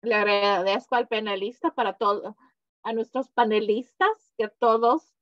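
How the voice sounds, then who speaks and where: A woman, a program coordinator, opening a community talk on a video call with earnest, slightly halting phrasing. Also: mid-range voice, no echo. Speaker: program coordinator, event host. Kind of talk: welcoming remarks on a video call. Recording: dry, dull video-call audio.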